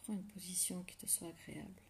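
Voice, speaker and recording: A woman leads a guided relaxation meditation in a soft, intimate whisper right in your ear, giving slow, soothing instructions with long pauses. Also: fairly low pitch, steady tone, a little hiss or hum.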